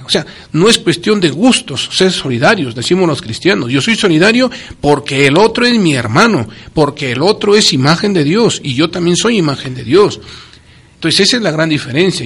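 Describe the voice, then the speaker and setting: A man's voice: fairly high pitch, a bit bright, slightly rough. A man speaking in a preacherly, emphatic way on a religious talk program, often repeating his key phrases for stress.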